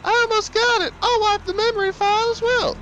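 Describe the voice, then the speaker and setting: A man doing a high falsetto voice for a sassy gangster's girlfriend, exaggerated and joking. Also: fairly even intonation, brisk, sharp tone, dull audio, a little hiss or hum.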